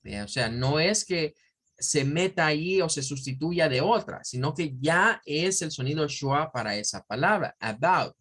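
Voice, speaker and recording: A man's voice: on the high side, animated, a little slow, a bit bright. A man teaching an online English pronunciation lesson in Spanish, explaining carefully and repeating example words for drill. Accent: Central American Spanish. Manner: looks up words in an online dictionary as he talks.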